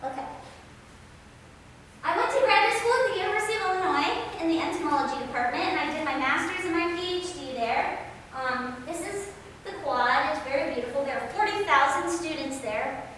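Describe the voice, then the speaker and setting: Bright, high-voiced woman in an echoey hall. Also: lively intonation, a little fast. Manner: casual, conversational. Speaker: biologist giving an outreach talk. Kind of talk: informal slide lecture. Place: large echoey room, speaking through a mask. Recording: very echoey hall, distant mic, faint noise.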